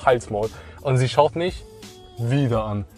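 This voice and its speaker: A young man telling a story in casual chat, slangy and animated, acting out the people in it. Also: mid-range voice, brisk, faint music behind.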